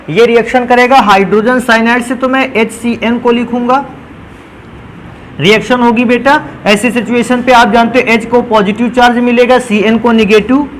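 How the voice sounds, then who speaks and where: Man, chemistry teacher, very high voice, asks and answers his own questions, faint background noise. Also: rough recording. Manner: asks the class questions and answers them himself, calls students "beta". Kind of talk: classroom chemistry lecture.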